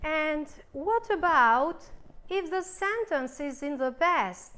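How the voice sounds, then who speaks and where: A woman with an Albanian accent teaches a recorded English grammar lesson. Her voice sits high and she takes her time, giving each rule and example sentence slowly and deliberately. She explains in a calm, measured way.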